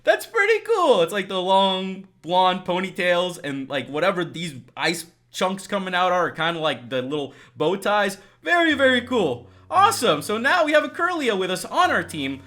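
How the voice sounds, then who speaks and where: A man's voice: sits high, sing-song, normal speed, hardly any pauses, pushed and bright. A young man from El Salvador giving upbeat, chatty gameplay commentary, talking straight to his viewers. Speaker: let's play host. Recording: music playing behind the voice.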